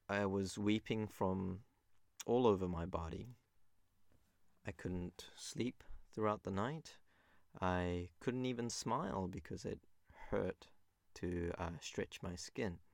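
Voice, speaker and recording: A man's voice: sits low, vocal fry, a little mellow, no echo, studio quality. A man born in Japan and raised abroad, hosting a solo podcast in an earnest, loose way with frequent fillers. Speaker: podcast host.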